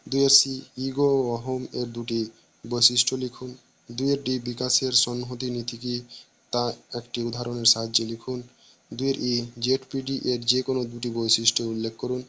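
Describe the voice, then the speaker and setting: Guy reading out exam questions, pretty monotone, middle pitch, steady, trips on a word now and then. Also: moderate pace. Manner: flat, steady reading with small restarts. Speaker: teacher reading an exam paper.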